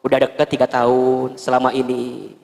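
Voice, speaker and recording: A sheepish husband answers hesitantly and quietly, caught out, voiced by a male preacher. His words come slow and subdued. A long hall reverb hangs behind him. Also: mid-range voice, completely flat delivery, creaky, pitched below the performer's own voice, lightly acted.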